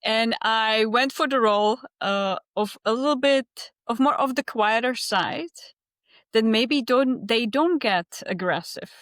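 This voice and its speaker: A woman's voice: fairly high pitch, unhurried, a bit bright, dry recording. Reflective woman in a dry-sounding recording. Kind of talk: casual reflective debrief.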